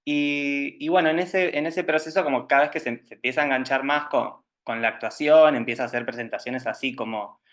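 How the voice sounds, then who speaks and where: A man with an Argentine Spanish accent recounts a story in a loose, informal lecture. His pitch sits in an ordinary middle range, and he keeps circling back with little tag questions and restarted phrases. It sounds like a video call from home. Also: brisk, few pauses, fairly bright tone. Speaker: Alexander Technique teacher giving a talk. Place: at home with a cat nearby.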